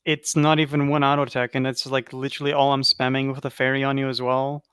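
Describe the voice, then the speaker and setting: A man in casual voice chat about a game raid, talking excitedly and swearing. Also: mid-range voice, fast, clear, resonant tone, dry recording, studio quality. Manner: excited, swearing gamer talk. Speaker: healer player in a raid group.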